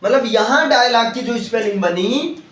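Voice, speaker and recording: Male teacher in a classroom, spells everything out, keeps asking "clear?", sounds far off and echoey. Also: very high-pitched, moderate pace, fairly bright tone. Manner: spells words letter by letter and keeps checking if students follow. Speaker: English teacher. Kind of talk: classroom lesson with call and response. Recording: roomy classroom audio from a distance.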